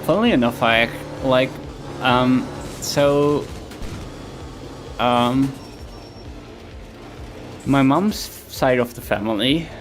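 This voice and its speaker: A male streamer chats casually at home while he plays, his voice sitting in a middle register. He rambles and mocks himself, often trailing off mid-thought, with game music running clearly beneath him. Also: medium pitch, slow, pauses often. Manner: rambling, self-mocking, trailing off. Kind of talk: casual chat while gaming.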